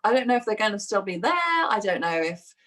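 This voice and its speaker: This woman, a UK fitness instructor, talks thoughtfully in a casual interview chat, with lots of fillers and restarts. She has a mid-range, sing-song, fairly bright voice and speaks briskly.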